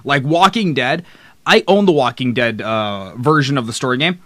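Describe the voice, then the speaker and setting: A man's voice: medium pitch, lively intonation, moderate pace, sharp tone, no echo. A young man streaming live, chatting casually and rambling through a list of games while reading the chat aloud. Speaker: streamer host. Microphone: desk mic close up.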